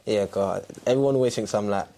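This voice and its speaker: A man's voice: on the low side, fairly quick, vocal fry, mellow. A man with a South London accent chatting casually as a podcast guest, in a slangy, emphatic way, often repeating himself. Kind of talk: casual chat.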